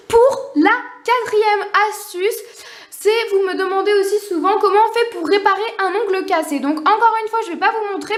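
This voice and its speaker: A young woman giving a casual, unscripted nail art tutorial, talking quickly with many fillers and apologies. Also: very high-pitched. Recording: echoey room.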